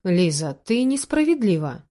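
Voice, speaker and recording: A woman's voice: mid-range voice, very animated, moderate pace, dark tone, close to an everyday voice. A woman voicing a young man who pleads and defends himself earnestly in a spoken story. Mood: defensive.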